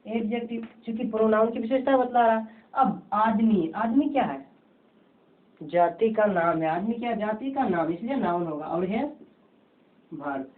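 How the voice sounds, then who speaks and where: In tinny lo-fi audio that sounds like a phone, a woman with a mid-range voice and moderate pace runs a home-tuition grammar lesson. She drills repetitively, asking questions and supplying the answers herself.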